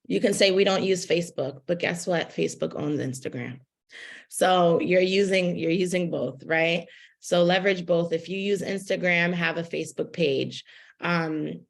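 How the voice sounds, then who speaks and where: A woman's voice: fairly low pitch, creaky. A woman giving a casual workshop lecture on fashion business, talking loosely with many fillers and asking "right?" as she goes.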